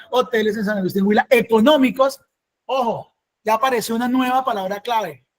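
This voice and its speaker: A speaker with a Colombian accent teaching a workshop. They think aloud through search results, fill pauses with hesitations, and keep checking in with the audience through short tag questions. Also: mid-range voice. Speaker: workshop facilitator.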